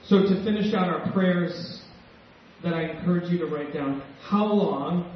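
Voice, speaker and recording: A male pastor preaching a sermon with emotion and slow, emphatic pauses. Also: high voice, a little hiss or hum. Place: church sanctuary. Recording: echoey church hall, distant mic, dull sound.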